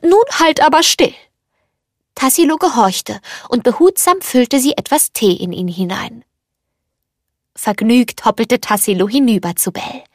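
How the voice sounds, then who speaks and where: A woman giving a calm, scripted storybook narration. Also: on the high side, moderate pace, no room sound, studio quality.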